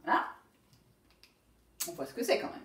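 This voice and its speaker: A woman teaching a phonics lesson to young children, modelling words slowly and correcting herself with quick apologies. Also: recorded from a distance. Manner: slow, drawn-out word modelling with animated pitch; self-correcting, apologetic asides. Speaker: primary school teacher. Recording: echoey room, voice off-mic.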